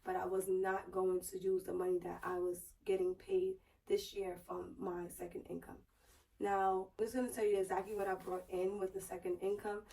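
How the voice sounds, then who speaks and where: A woman with a hoarse, strained voice and sore throat, chatting casually and explaining things to viewers in a personal vlog. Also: mid-range voice, little pitch movement, normal speed, dark tone, recorded from a distance, low-quality recording. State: hoarse, strained voice just back after losing it, sore throat. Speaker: YouTube vlogger.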